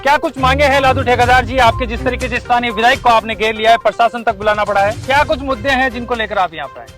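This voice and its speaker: A man's voice: extremely high pitch, quick pace, music in the background. Formal mock news reporter man. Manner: formal newsreader delivery.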